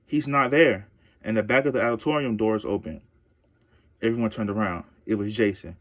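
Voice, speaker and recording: A man reading a children's chapter book aloud as a teacher, steady, with small self-corrections. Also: on the low side, brisk.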